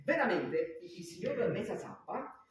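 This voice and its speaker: A man's voice: sits high, big pitch swings, unhurried. A man with a Neapolitan accent playing a flustered, evasive philandering doctor in a dialect stage farce, stammering and repeating himself. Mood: evasive, explaining. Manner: stammering, repeating words as he makes excuses. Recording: echoey stage, distant mic, faint noise.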